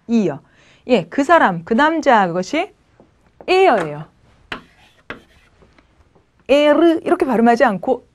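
Lively-voiced woman teaching pronunciation. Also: a little high. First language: Korean. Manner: patient, repeats each word slowly for students. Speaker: German language teacher. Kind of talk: pronunciation lesson.

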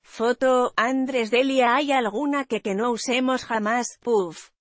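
A woman reading a news article aloud in an even, measured way, as a news voice-over. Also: fairly high pitch, no echo. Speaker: news reader.

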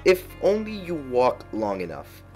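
A man voicing a mad, grinning storybook cat, sly and teasing, with a drawn-out, swooping delivery. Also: mid-range voice, huge pitch swings, darkish tone, faint music behind, voice pushed up. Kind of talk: storybook character voice.

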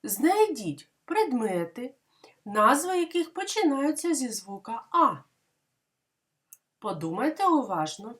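A woman kindergarten teacher giving a literacy lesson to young children, explaining patiently and clearly with many questions. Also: sits high, big pitch swings, slow.

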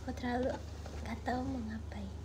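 Late at night in a small bedroom, an idol livestreamer in her twenties talks playfully into a phone at arm's length, musing and slipping into soft murmurs. Her voice is high and steady in tone, fairly quick, with a faint hiss in the background.

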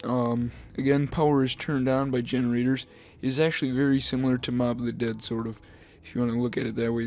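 A man's voice: mid-range voice, a little mellow. A man giving a casual gaming commentary as a YouTuber, rambling and repeating himself with lots of ums and uhs. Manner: says he is talking fast to keep it short.

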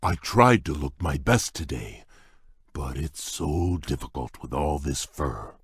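Gentle male beast prince, very deep husky rumble, slow bashful delivery, dry studio sound. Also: expressive, dry recording, heavily acted. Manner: halting, bashful, gentle, with hesitant fillers. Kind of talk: game voice clips.

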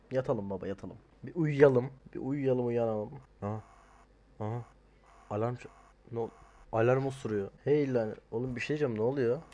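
A young man doing casual horror game commentary, joking and mumbling, then yelling in panic. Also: mid-range voice. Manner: jokey, swings from mumbling to loud panicked yelling. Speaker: gaming streamer.

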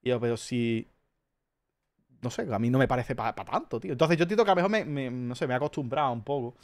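Talking fast and animatedly in a mid-range voice, a Spanish streamer from Spain chats casually. His stories ramble on and are full of profanity.

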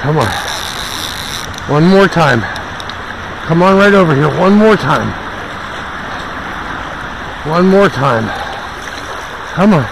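Out on a wooded river, a man filming himself fishing mutters encouragement and exclamations to himself. His gravelly voice is fairly high and animated, and the rushing water behind him makes the outdoor audio noisy.

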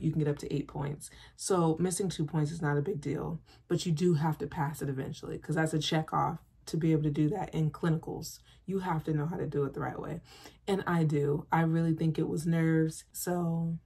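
Sitting indoors in her bedroom, a woman in her 20s who vlogs about nursing school talks through her day and reassures herself, her hands moving as she speaks. Her voice is deep, gravelly, and husky.

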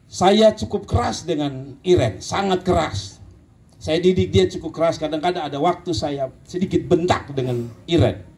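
A man with a Kupang Malay accent, preaching a sermon and telling stories, rising to emphatic bursts and dropping low. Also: darkish tone. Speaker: pastor.

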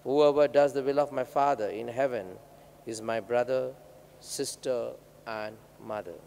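Priest, gravelly, measured phrases, cathedral echo in a large church with soft background hiss. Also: male voice, medium pitch. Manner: measured, delivered in short phrases with pauses. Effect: cathedral echo, long church reverb. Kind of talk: Mass gospel reading and homily. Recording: reverberant church hall, faint background noise.

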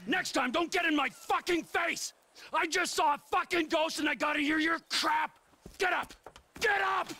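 An actor playing a volatile, violent male criminal in a video game cutscene, swinging from menacing whispers to shouting rage. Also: high-pitched, very animated, normal speed, slight background noise, heavily acted. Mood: raging.

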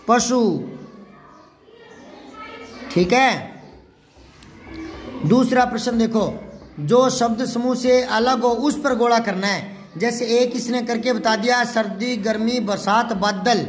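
A man teaching a children's class, patiently going through worksheet questions, asking the pupils and answering himself. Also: extremely high pitch. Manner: spells out words syllable by syllable. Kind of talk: classroom lesson explaining a worksheet.

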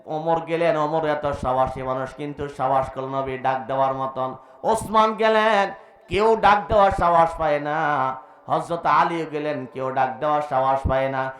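A man preacher from Bangladesh telling a religious story in a sermon, swinging between hushed low narration and raised, shouted appeals. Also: steady tone, moderate pace. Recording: echoey amplified hall.

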